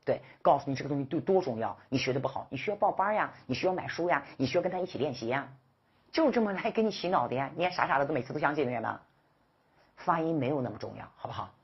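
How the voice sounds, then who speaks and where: A woman teaching an English exam-prep class, lively and rhetorical, firing questions at her students and coaxing them to read aloud. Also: deep voice, racing, husky, muffled recording. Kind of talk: classroom lecture.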